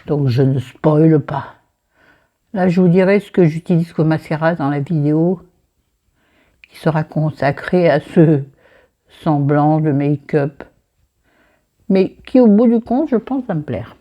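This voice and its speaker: A woman's voice: low voice, measured pace, pauses often, muffled recording. A woman with a southern French accent, chatting casually about a book while doing her makeup at her dressing table, rambling and talking to herself. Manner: rambling, digressive, talks to herself. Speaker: book vlogger. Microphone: camera facing her mirror.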